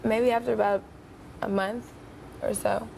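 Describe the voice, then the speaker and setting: A woman's voice: medium pitch, fairly even intonation, unhurried, creaky, darkish tone, slight background noise. Earnest young woman talk show guest. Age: 20s. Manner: earnest, confiding.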